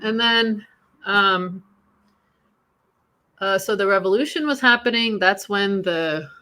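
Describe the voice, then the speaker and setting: Bright-voiced woman from Iran, chatty. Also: mid-range voice, takes it slowly. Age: 40s. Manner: chatty, swears freely, laughs through dark memories. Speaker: podcast host sharing her story. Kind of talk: candid casual conversation.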